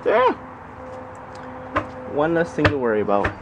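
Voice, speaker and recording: A man's voice: fairly high pitch, wildly swooping pitch, unhurried, creaky, dull audio, heavy background noise. A man chatting casually in a daily vlog, rambling and amused at himself. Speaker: vlogger.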